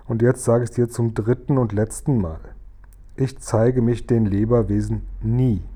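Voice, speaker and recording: A big friendly giant out of a storybook, slow and grumbling, muddling his words in a soft, mellow voice, as a man reading aloud puts him on. He talks plainly and a little gloomily. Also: medium pitch, fairly even intonation, close to an everyday voice. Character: gentle mumbling male giant, mixes up words.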